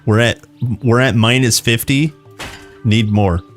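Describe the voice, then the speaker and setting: A man's voice: medium pitch, a little slow, soft background music. A man streaming a video game, chatting casually, laughing often and telling jokey family stories. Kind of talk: casual gameplay commentary.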